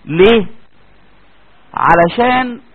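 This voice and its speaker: A man's voice: high-pitched, animated, drawn-out words. A man with an Egyptian accent teaching Quran recitation in a classroom lecture. He explains each rule step by step and keeps asking if the students are following. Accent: Egyptian Arabic. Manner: explains step by step, checks understanding with frequent questions. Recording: tinny lo-fi lecture recording.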